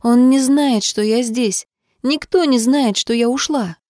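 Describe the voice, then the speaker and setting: A woman's voice: a little slow, warm tone, dry recording, clean studio sound, lightly acted. Woman voicing a stubborn, proud young girl. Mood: insistent. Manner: insistent, high and pleading. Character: stubborn eighteen-year-old girl, proud and pleading.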